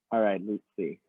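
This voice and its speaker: A man's voice: fairly low pitch, dry recording. A male teacher leading an online class, politely taking feedback, his voice muffled as if heard through a wall. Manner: polite, thanks students for feedback. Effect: muffled, as if heard through a wall or underwater. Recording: muffled, phone-like computer mic audio.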